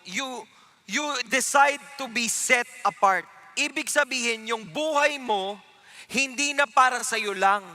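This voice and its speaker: A man preaching a youth sermon, telling the story with animated flair and mixing in English phrases. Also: very high voice. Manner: animated storytelling, acting out crowd voices; switches between Tagalog and English. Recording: long reverb of a large hall.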